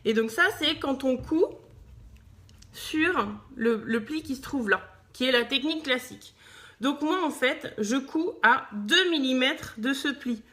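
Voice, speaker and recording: A woman from France leads a casual live sewing lesson at her machine. Her voice sits a little high. She talks in a loose, chatty way, full of fillers, and greets the viewers as she works. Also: animated, measured pace, pushed and bright. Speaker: sewing teacher.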